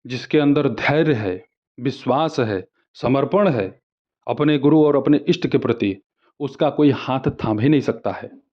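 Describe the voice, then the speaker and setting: A man teaching a devotional practice, reciting Sanskrit mantras slowly and evenly between plain Hindi explanations. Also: medium pitch, dull audio. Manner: slow measured chanting of Sanskrit verses. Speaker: spiritual teacher.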